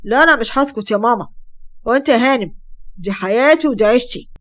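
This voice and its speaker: A woman's voice: on the high side, expressive, fast, natural voice. A woman voicing a stubborn young Egyptian husband who talks curtly and domineeringly. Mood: stern. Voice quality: curt, domineering. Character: stubborn young husband loyal to his mother.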